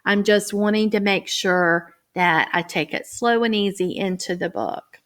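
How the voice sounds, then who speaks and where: A woman reading teacher explaining guided reading, slipping into a bright, exaggerated voice when she models talk with young children. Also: mid-range voice. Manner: careful, deliberate phrasing. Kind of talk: teacher training demonstration.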